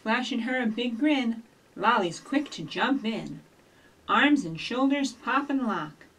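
A slightly rough, somewhat bright, high-leaning voice with lively intonation moves at a slow pace. It's a middle-aged children's librarian hosting storytime, speaking directly and encouragingly to young children while she talks and reads aloud. She's in a small indoor office with shelves, recorded from afar.

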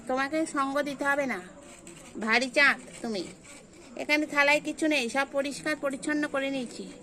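A woman's voice: high-pitched, bright, forceful tone, slight background noise. A woman, chatting to viewers while filming her pets on a phone and teasing the animals directly. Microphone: phone camera held while filming.

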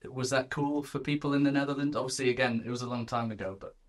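A man hosting a podcast roundtable, friendly and quick to laugh as he steers the chat. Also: mid-range voice, fairly even intonation. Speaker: podcast host. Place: sitting room with guests.

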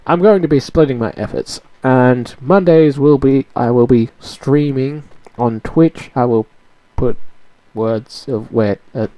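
Young australian man, casual vlog, rambling, self-mocking, mellow voice, dry close mic. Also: mid-range voice, a little slow, no room sound, muffled recording. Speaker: vlogger. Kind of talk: casual chat.

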